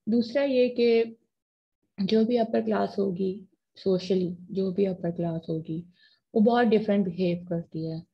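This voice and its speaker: Husky woman lecturing online. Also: mid-range voice, fairly even intonation, a little slow, dull audio. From Pakistan. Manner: mixes English phrases into Urdu, asks students questions. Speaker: university lecturer. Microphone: video call.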